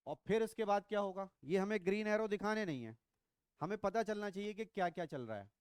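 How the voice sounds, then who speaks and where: Middle-aged male biology teacher, high smooth voice, playful and quizzing. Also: fairly quick, dry recording, studio quality. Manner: teasing, quizzing students, mixes English into Hindi. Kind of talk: classroom lecture. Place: classroom.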